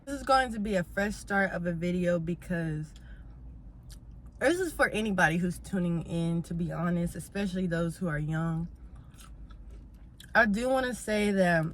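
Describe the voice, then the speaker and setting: A woman's voice: on the low side, unhurried, pauses often, a little hiss or hum. A young woman vlogger, chatting casually as she eats on camera. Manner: relaxed, chatty, eating while talking. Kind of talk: casual mukbang chat.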